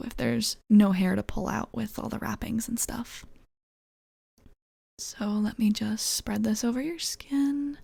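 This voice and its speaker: A woman playing a flirty, reassuring tattoo artist in a soft, casual ASMR role-play, slightly bashful and gently teasing. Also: a little high, creaky, dry recording.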